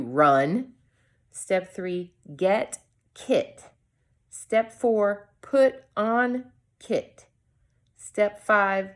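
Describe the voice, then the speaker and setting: A woman reads a storybook aloud to children with lots of expression, taking deliberate dramatic pauses and making short asides to her viewers. Her voice is medium in pitch.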